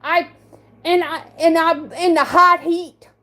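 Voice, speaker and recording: Woman with a slight speech impediment, very high voice, slow, halting and defensive, livestream talk. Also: steady tone, sharp tone. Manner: halting, repeats and restarts words, defensive. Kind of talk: emotional livestream monologue.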